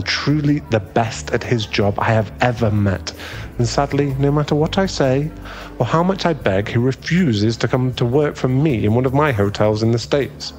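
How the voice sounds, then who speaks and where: This British man's mid-range voice is only lightly acted, polite and genial in mood, as he portrays a tender, protective aristocratic werewolf fiancé in a soothing ASMR boyfriend roleplay. His tone is husky and genteel.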